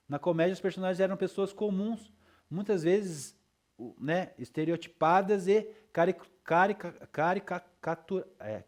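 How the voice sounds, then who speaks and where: A man's voice: on the high side, dark tone. A male teacher lecturing his class in a loose, chatty way, with frequent tag questions and checks for understanding.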